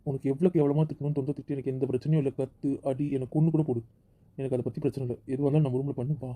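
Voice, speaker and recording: A man's voice: mid-range voice, little pitch movement, very fast, mellow, lightly acted. A man playing a possessive, hot-tempered young husband. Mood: stubborn. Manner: insistent, stubborn, repeats his demands. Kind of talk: amateur audio drama.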